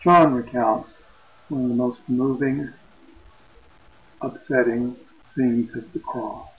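A man preaching, retelling a scripture story slowly and dramatically. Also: mid-range voice. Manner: slow, dramatic retelling, lively quoted voices. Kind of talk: sermon narration of scripture. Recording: echoey, dull sound.

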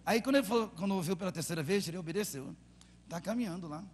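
A man's voice: high voice, lively intonation, very fast. A man with a Brazilian Portuguese accent preaching a sermon as pastor, telling stories with fervent, dramatic delivery. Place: large church hall. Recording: echoey church hall with faint hum.

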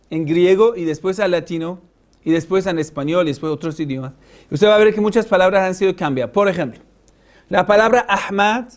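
Emphatic high-voiced male lecturer. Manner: emphatic, addresses listeners directly with questions. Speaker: religious lecturer. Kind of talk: recorded class lecture.

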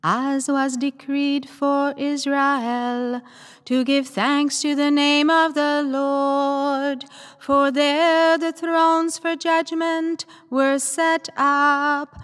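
A woman cantor singing a psalm in slow, sustained phrases, her voice carried by a cathedral echo. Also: high-pitched, little pitch movement, a bit bright. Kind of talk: sung responsorial psalm. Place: large church. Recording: long church reverb with organ.

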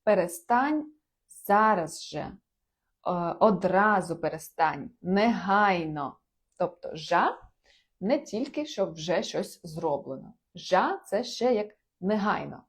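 Husky woman teaching on a live stream. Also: mid-range voice, lively intonation, takes it slowly. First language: Ukrainian. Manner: chatty, repeats "так?" to check understanding. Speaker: Portuguese language teacher. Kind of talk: live-streamed language lesson.

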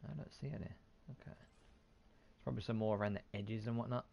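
A man hosting a gaming video speaks briskly at medium pitch with a slightly mellow tone, and the sound is lo-fi. Muttering to himself a lot, he swears casually while commenting on his gameplay, with game sounds clearly heard behind him.

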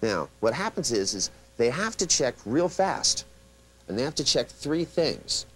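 A man's voice: mid-range voice, a little slow, rough recording. A man giving a live seminar lecture as a trainer, talking loosely with many restarts and asides, and acting out quoted people as he tells his stories. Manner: animated storyteller who acts out quotes.

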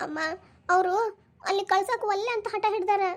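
A woman's voice: sits high, rapid-fire, darkish tone, lightly acted. A woman voicing a homesick, weepy young pregnant wife, in a Dharwad Kannada accent. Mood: tearful. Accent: North Karnataka (Dharwad) Kannada. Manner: weepy, plaintive.

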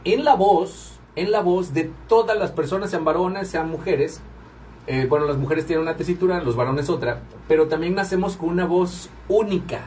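A man's voice: on the high side, normal speed, a little mellow, recorded from a distance, slight background noise. Chatty man hosting off-mic. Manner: chatty, talks to viewers while working the controls. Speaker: radio and livestream host. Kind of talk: casual live-stream chat.

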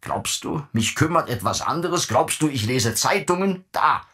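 A man's voice: deep voice, lively intonation, measured pace, heavily acted. A man reading an audiobook voices a domineering old father who scorns his son and bursts into ranting. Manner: contemptuous, bursts into shouting rants.

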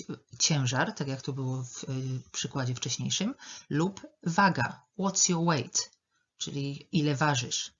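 A woman leads an English lesson, going word by word and saying each one twice. Her voice is a little husky and she speaks slowly. The recording sounds dull and lo-fi. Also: sits low. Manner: slow, careful, repeats words for pronunciation. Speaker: English teacher. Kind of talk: language lesson.

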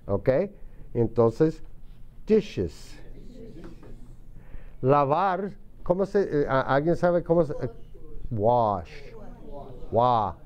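A man teaching English to a class, patiently repeating words slowly for his students. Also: medium pitch, darkish tone. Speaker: ESL teacher. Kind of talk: classroom lesson.

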